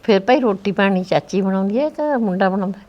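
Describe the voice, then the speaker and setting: A woman's voice: mid-range voice, animated, fast, highs cut off, close to an everyday voice. A woman playing an older grandmother who talks in a bossy, matter-of-fact way, with a rural Punjabi accent. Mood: firm. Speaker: grandmother of the family.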